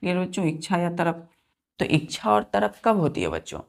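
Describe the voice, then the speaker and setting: A woman teaching a vocabulary lesson, slowly spelling words out letter by letter and often asking her students whether it is clear. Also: lowish voice, big pitch swings. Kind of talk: classroom lesson.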